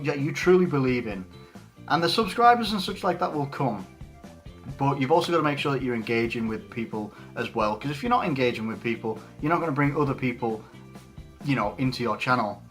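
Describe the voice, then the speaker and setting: A man in his twenties from England, a YouTuber answering viewer questions in an unscripted casual Q&A, rambling with frequent restarts and fillers. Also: on the high side. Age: 20s.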